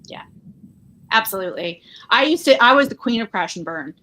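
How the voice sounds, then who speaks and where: A woman's voice: fairly high pitch, animated, fairly quick, fairly bright tone, slight background noise. A woman guest on a podcast, talking in an upbeat, chatty way with lots of "like" fillers. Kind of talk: casual conversational interview.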